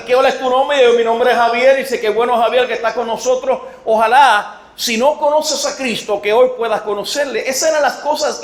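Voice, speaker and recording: A man around sixty with a Puerto Rican accent, preaching a sermon and telling his testimony, moving from storytelling to shouted emphasis. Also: extremely high pitch. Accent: Puerto Rican Spanish. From Puerto Rico. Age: late 50s or 60. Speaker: evangelist. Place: church sanctuary. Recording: echoey church room.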